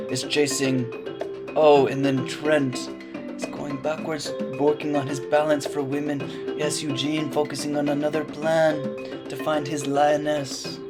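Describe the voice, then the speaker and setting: A young man narrates a parody wildlife film in a hushed, mock-solemn tone. He takes his time over every phrase, and his voice sits a little high. Guitar music plays clearly underneath. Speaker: student narrator of a parody nature documentary. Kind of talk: mock nature documentary narration.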